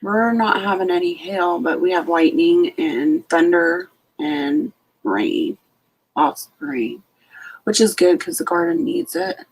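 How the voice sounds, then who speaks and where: Greeting viewers one by one by name, this homestead host streams late at night from home, sleepy and freshly up. She speaks slowly in a fairly low, gravelly, sing-song voice over a low-quality recording.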